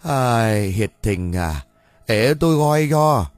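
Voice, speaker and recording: A man's voice: fairly high pitch, no room sound, faint music behind, pitched above the performer's own voice, close to an everyday voice. A man voicing an irritable old male shaman who stutters and stumbles over his words. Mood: halting. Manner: halting, loud, quick to flare up.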